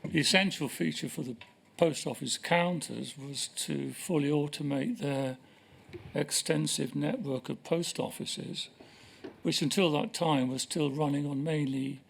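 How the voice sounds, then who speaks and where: An older man answering questions as a witness at a formal hearing, measured and hesitant, pausing often. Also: a little high, vocal fry. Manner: measured, hesitant, with many pauses. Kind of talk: formal testimony. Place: inquiry hearing room.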